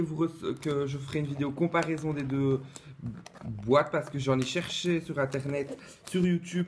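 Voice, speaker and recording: Close to a camera mic, a man with a medium-pitched voice unboxes a replica wand while talking casually to the lens, with slight background noise. He's chatty but hesitant, full of fillers and restarts.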